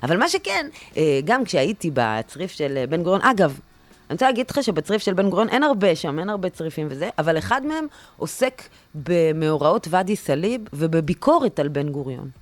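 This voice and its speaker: A woman chatting casually on a podcast, telling stories in an animated, indignant rant. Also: lowish voice, no room sound.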